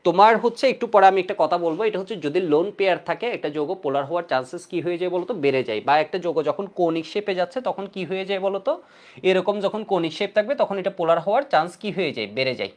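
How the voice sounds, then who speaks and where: A man's voice: high voice, rapid-fire. A man with a Bangladeshi Bengali accent teaching chemistry in an online class, quizzing students with repeated questions.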